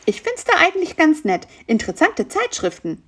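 A woman's voice: high-pitched, wildly swooping pitch, moderate pace, fairly bright tone, voice pushed up, exaggerated voice. A woman voicing a cheeky, gloating little male fly in a perky, smug tone.

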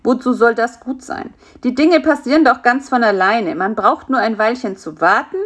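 A woman's voice: fairly high pitch, normal speed, fairly bright tone, pitched above the performer's own voice. A woman voicing a fat, lazy male spider who acts the know-it-all but is timid at heart, in a storybook reading. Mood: sleepy smug. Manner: sleepy, smug, fretful. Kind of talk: storybook character voice.

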